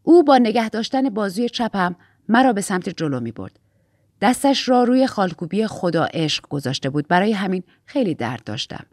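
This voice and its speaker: A woman narrating a novel in the first person, calm and even. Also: medium pitch, no room sound, studio quality. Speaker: audiobook narrator.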